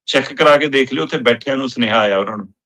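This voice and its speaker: A man's voice: mid-range voice, racing, fairly bright tone. A man giving emphatic political analysis on a talk show, pressing pointed questions.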